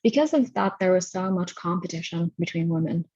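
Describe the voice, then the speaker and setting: Halting low-voiced woman leading healing. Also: lively intonation, a little mellow, slightly rough, no room sound. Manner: halting, pauses to gather her thoughts. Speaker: healing session host. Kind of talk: guided healing session, casual teaching. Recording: dull lo-fi audio.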